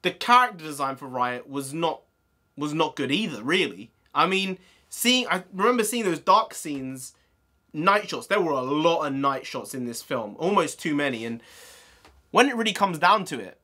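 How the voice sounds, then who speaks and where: A man's voice: a little high, bright, forceful tone. A man giving a casual, opinionated film review in a blunt, informal way.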